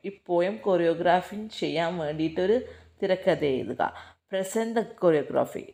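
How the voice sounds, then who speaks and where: A woman teacher with a Malayali accent works through a textbook lesson in a lowish voice. She reads the English lines very slowly and deliberately, then explains them quickly. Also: a little mellow.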